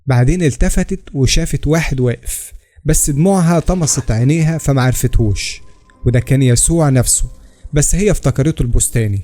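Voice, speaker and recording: Man, Egyptian Arabic accent, scripted religious narration, fast, mellow, steady. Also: mid-range voice. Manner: steady, explanatory, reads scripture references. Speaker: channel narrator.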